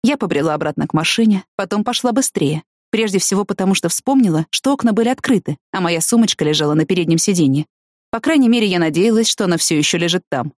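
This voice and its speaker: A woman narrating a first-person novel in an even, measured storytelling voice. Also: lowish voice, dry recording, studio quality. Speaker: audiobook narrator.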